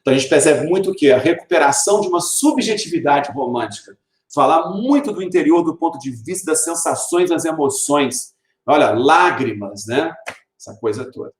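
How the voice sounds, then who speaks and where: Brazilian male teacher, lively explainer who slows down to read verse, somewhat high-pitched, recorded in an echoey room. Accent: Brazilian Portuguese. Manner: explanatory, asks rhetorical questions and answers them; reads verse slowly and stresses sounds. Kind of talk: recorded literature video lesson.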